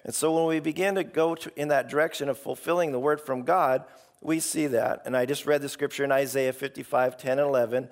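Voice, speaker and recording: A man preaching an informal, emphatic sermon in a gravelly, hoarse voice that is starting to give out. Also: fairly high pitch. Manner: informal, emphatic, acts out imagined replies. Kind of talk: sermon, conversational exhortation to a congregation.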